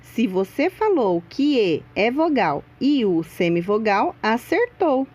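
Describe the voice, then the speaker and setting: Woman, teacher, scripted grammar lesson, slow deliberate delivery, lively rising and falling pitch, fairly high voice. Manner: slow, deliberate, stresses sounds in example words. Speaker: Portuguese teacher.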